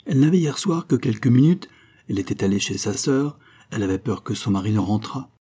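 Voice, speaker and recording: A man's voice: fairly low pitch, little pitch movement, brisk, a little mellow, husky. A man voicing a boastful young gallant in an audiobook, enthusiastic and self-assured. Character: vain young gallant Roland, boastful lover.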